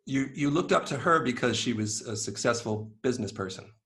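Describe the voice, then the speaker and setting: A man hosting an interview podcast, asking questions in a friendly, measured way. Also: mid-range voice, expressive, fairly bright tone. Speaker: podcast host.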